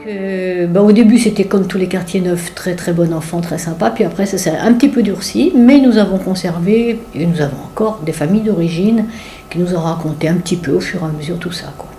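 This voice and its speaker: A woman speaking in a documentary interview, her words quickening as she goes. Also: on the low side, dark tone. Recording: echoey room.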